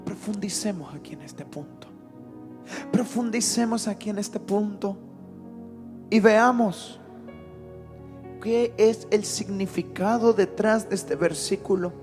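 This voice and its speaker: A pastor preaching a Sunday sermon, emphatic, repeating his phrases and building up to shouts. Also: high-pitched, slow, pauses often, soft background music. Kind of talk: Spanish-language Sunday sermon. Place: church.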